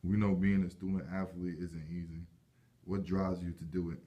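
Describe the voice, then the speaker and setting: A man's voice: low voice, little pitch movement, moderate pace, muffled recording. A man reading out prepared questions as an interviewer.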